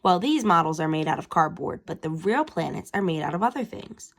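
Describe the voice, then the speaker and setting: A woman's voice: on the low side, animated, brisk. A woman voicing a know-it-all little boy animal in a storybook, eager to explain.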